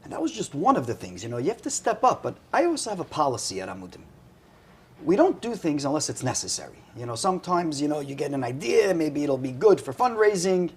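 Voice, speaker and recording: A man's voice: a little high, big pitch swings, fast. Earnest man speaking plainly, faint noise. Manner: earnest, plainspoken, many "you know"s. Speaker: charity CEO, guest. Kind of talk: casual talk-show chat. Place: restaurant.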